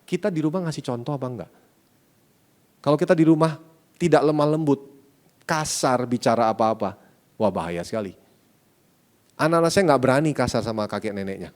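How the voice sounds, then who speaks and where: A middle-aged man from Aceh, a pastor, preaching in a conversational way, mixing casual slang into his sermon and often turning to the congregation with asides. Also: mid-range voice. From Indonesia, Aceh. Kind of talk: sermon with personal storytelling. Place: church service.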